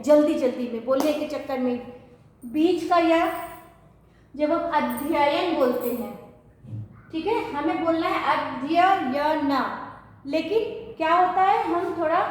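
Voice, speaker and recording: A woman teacher with a high voice talks slowly and carefully. She goes over each word again and again as a drill. The room around her echoes heavily. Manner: slow, repeats words for drill. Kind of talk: Hindi pronunciation lesson.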